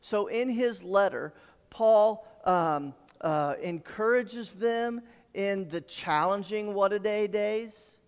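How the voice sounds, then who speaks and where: A man's voice: high voice, takes it slowly, smooth, big-room sound. A man preaching a sermon, explaining scripture in an earnest way with light asides. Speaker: pastor.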